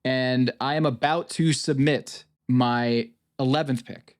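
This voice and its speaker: Taking it slowly in a mid-range voice with fairly even intonation, a New England man hosts a casual podcast breaking down fantasy draft picks. Hesitation shows in his frequent ums and uhs.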